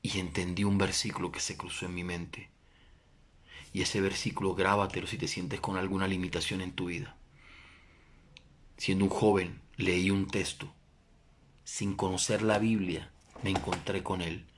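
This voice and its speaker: A middle-aged Colombian pastor giving a sermon testimony, emphatic, swinging between loud declarations and hushed prayer. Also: male voice, sits low, level tone, moderate pace, pauses often.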